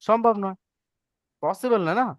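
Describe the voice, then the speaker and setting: A man teaches letter forms to an online class, slow and patient, often asking whether everyone follows. His voice sits high and rings clear. The recording is close and dry. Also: no echo, lo-fi sound. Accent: Bengali. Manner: patient, repeats and checks understanding. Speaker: Arabic script teacher.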